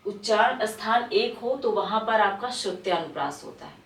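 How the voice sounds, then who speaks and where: A woman teacher explaining grammar for exam preparation. She repeats each definition, answers her own rhetorical questions and recites example verses slowly. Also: mid-range voice, expressive. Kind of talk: exam-prep Hindi grammar lesson. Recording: distant mic in an echoey room with faint noise.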